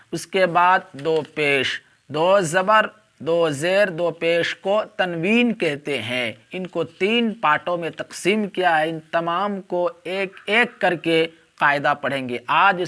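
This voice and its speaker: A man teaching a Quran reading lesson, explaining briskly and then spelling out letters one by one in slow, deliberate drills. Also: on the high side, bright, forceful tone.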